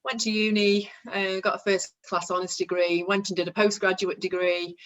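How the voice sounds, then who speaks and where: A woman's voice: medium pitch, level tone, normal speed, a bit bright, poor audio. Female podcast guest, Stoke accent, mid-range voice, conversational and informal interview delivery. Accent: Stoke-on-Trent, English. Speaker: podcast guest, construction business owner.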